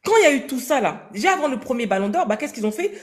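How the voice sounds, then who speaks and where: A young woman tells her story in a relaxed interview, full of street slang and quick asides. Her pitch sits a little high and swings widely as she goes, and she slips into voices when she quotes people. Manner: animated, slangy, acts out dialogue in quoted voices.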